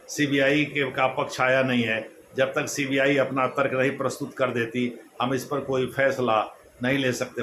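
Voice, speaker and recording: This exam coach's mid-range voice has a fairly bright tone, with a little background noise behind it. Lecturing his class, he keeps rephrasing every point and delivers quotes slowly and with emphasis.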